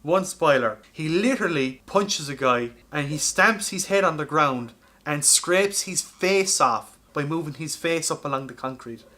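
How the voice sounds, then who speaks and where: An Irish man co-hosts a podcast, telling film stories in a casual, sweary way. His voice is fairly high, animated and sharp, and he keeps a measured pace.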